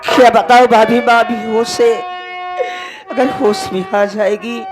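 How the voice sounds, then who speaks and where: A man's voice: very high-pitched, fairly even intonation, a little slow, loud music behind the voice. A man playing a distraught brother-in-law in a folk stage drama, lamenting in an anguished voice.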